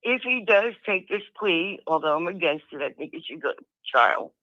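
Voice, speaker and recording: A woman's voice: on the low side, expressive, moderate pace, no room sound. A woman calling in, sick with a strained throat, holding the phone away so she sounds distant and muffled. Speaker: caller.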